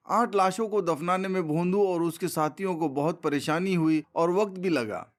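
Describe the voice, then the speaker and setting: Male narrator, formal measured literary reading, high voice. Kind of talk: literary short story narration.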